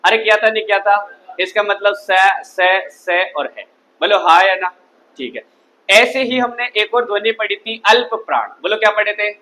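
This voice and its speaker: A man's voice: high-pitched, moderate pace, sharp tone, low-quality recording. A man teaching a Hindi grammar class, constantly quizzing his students with call-and-response questions. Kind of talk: classroom lecture.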